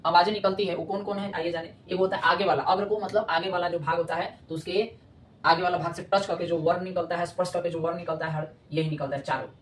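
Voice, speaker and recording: A woman's voice: on the low side, steady tone, fast. A woman teaching grammar, repeating points and checking often whether students follow. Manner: repetitive, checks understanding often. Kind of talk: explanatory classroom lesson. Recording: echoey room with faint noise.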